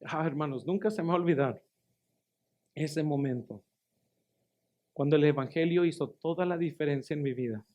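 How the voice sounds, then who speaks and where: A male pastor preaches a testimony sermon, with a voice pitched a little above the usual man's. He tells his story with emphasis, calls his listeners brothers, and doubles back on phrases to stress them. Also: normal speed, long pauses, darkish tone, dull audio. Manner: repeats and restarts phrases for emphasis.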